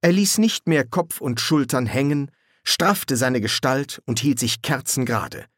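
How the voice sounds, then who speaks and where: A man reading a novel aloud as audiobook narration, lifting his voice well above his usual pitch for the characters' dialogue. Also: expressive, a little slow, fairly bright tone, no room sound, clean studio sound. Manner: raises his voice high for the characters' lines.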